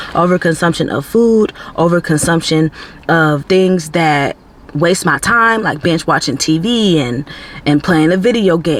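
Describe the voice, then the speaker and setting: A man speaks to his viewers in an earnest, sermon-tinged vlog about self-improvement. His voice sits a little high for a man, and he talks in a loose, conversational way, leaning on "like" and "you know". A faint hiss of background noise runs under the talk. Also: a bit bright. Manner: earnest, preachy, heavy on "like" and "you know", faith-based. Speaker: self-growth vlogger. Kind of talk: casual motivational talk to camera.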